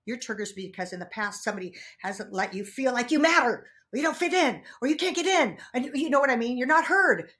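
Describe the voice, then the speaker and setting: A middle-aged woman appears as a podcast guest, chatting casually and animatedly while acting out her own inner dialogue. Her voice is a little high and a little fast, with hardly any pauses.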